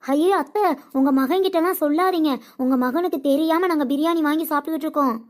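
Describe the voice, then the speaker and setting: A woman's voice: high-pitched, fast, lightly acted. A woman voicing a cheeky, teasing young wife who talks back to her mother-in-law in a cartoon. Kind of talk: cartoon comedy voice acting.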